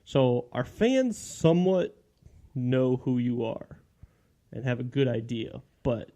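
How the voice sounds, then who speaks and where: A man hosts a relaxed podcast from his home basement, talking into a good microphone. He keeps the banter light and laughs often, with an ordinary mid-range voice. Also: medium pitch, slow. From Michigan. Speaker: podcast host. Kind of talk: casual chat. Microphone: studio microphone.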